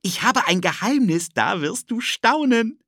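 A man's voice: sits high, very animated, a little slow, sharp tone, dry recording, clean studio sound, pitched above the performer's own voice, exaggerated voice. A man voicing a mischievous, pushy young boy in an audiobook. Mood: excited pushy. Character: cheeky wild young boy. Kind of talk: audiobook character voice.

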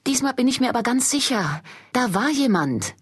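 A jittery young servant girl calls out into the dark house, her voice pitched well up and edged with a husky breath, as a woman narrator puts her on. She sounds anxious and pleading, an audiobook figure begging for help. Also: fairly even intonation, normal speed, no echo. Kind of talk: audiobook character voice.

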